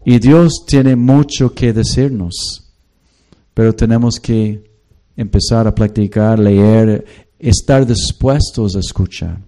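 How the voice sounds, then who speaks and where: A man preaching a sermon in an unhurried, measured delivery. His voice is mellow and warm. He reads scripture aloud and now and then acts out everyday voices. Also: mid-range voice. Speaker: pastor. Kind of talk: sermon with Bible reading.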